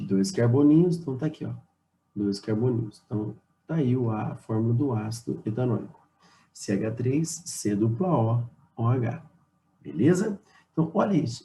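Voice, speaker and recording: A Brazilian Portuguese man teaching a chemistry lesson, walking students through an exam answer. His voice is very dark and mellow. He talks to the class directly and drags out each formula step by step. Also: medium pitch, poor audio. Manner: explanatory, addresses students directly, repeats formulas slowly.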